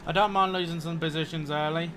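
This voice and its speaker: Guy streaming sim racing, chatting casually, bit hesitant, voice a little high, faint car noise behind. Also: fairly even intonation, fast, pushed and bright. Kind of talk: casual gameplay commentary. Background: racing game car sounds.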